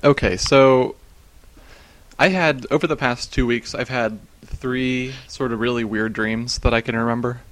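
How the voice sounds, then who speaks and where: A man's voice: medium pitch, fairly even intonation, a little slow, fairly bright tone, no room sound. A man in casual chat, recounting strange dreams and often breaking into laughter. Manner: laughs often while telling, many fillers.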